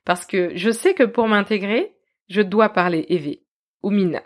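A woman hosting a podcast, telling her story in a lively, self-mocking way and often laughing. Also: mid-range voice, normal speed. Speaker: podcast host.

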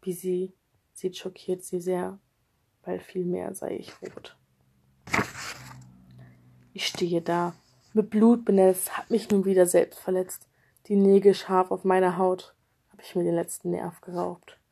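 Woman doing a dramatic poetry reading, mellow warm voice, intense, goes from loud to whispery. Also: on the low side, flat delivery, unhurried, creaky, long pauses, husky. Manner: intense, swings between raised voice and whisper. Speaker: reader. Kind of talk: dramatic reading of a poetic text.

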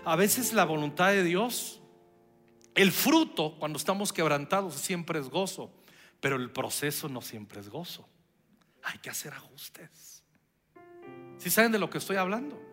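High bright-voiced male pastor preaching. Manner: conversational preaching with playful asides. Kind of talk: sermon.

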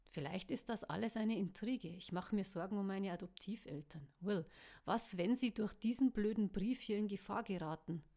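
A woman's voice: mid-range voice, moderate pace, dark tone, close to an everyday voice. A woman voicing an unsure, worried young man in a storybook. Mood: uneasy.

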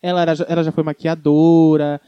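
A Brazilian co-host chatting casually about the news, in an informal, halting way and stumbling over long words. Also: mid-range voice, level tone, smooth, dry recording, muffled recording. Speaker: show co-host. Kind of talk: casual chat about news hits and flops.

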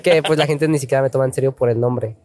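A man's voice: medium pitch, steady tone, fast, a little mellow, soft background music. A young Mexican man chatting casually as a podcast guest, laid-back and hesitant. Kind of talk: casual chat.

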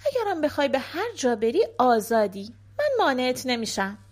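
A woman voicing a poor, humble young shepherd who speaks softly and sadly in a folktale reading. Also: high-pitched, big pitch swings. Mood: sad, gentle. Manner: soft and sad.

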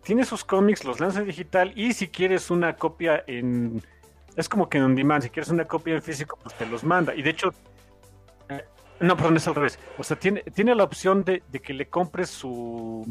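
Joking man with a higher voice. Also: lively intonation, moderate pace, faint music behind. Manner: joking, laughs easily. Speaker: podcast co-host. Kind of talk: casual chat.

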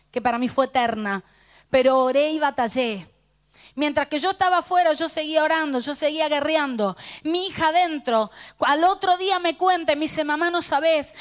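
Woman pastor, Rioplatense accent, very high voice, fervent sermon testimony, middle-aged. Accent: Rioplatense Spanish. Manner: fervent storytelling, quoting dialogue.

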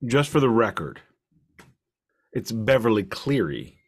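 An American man co-hosts a podcast reviewing albums, chatting casually about music in a wry, jokey way. His voice is lowish and unhurried, with big swings in pitch.

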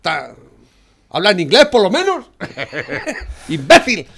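A man from Spain rants furiously about politics in a high voice. His tone is bright and forceful, and he swears as he hurls insults. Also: wildly swooping pitch, takes it slowly, creaky. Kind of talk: profane political rant.

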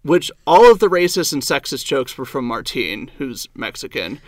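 A man's voice: medium pitch, sing-song, moderate pace, dry recording. A man, a stand-up comedian and the guest, telling a story in casual chat, rambling and filling his talk with "like" and "um". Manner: rambling, heavy use of "like" and "um".

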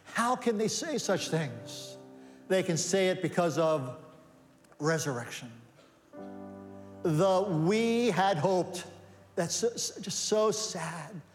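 High-voiced preacher man in a reverberant hall. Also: animated, slow, faint music behind. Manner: rhetorical questions, rising emphatic cadence. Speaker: pastor. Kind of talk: sermon. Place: church sanctuary. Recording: long reverb of a church hall.

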